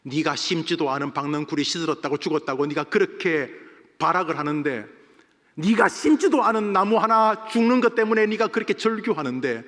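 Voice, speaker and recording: A man preaching, voicing an enraged God who scolds a stubborn prophet in a booming, furious voice. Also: a bit bright, natural voice. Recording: long reverb of a church hall.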